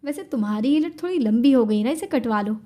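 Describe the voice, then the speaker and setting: A woman's voice: fairly high pitch, expressive, mellow, natural voice. A woman voicing a possessive young husband in an audiobook, swinging between teasing and pleading.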